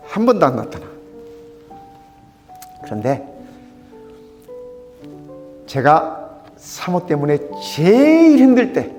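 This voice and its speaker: A man in his sixties preaching a sermon as pastor, swinging between fervent raised lines and hushed near-whispers. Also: sits high, in a large hall.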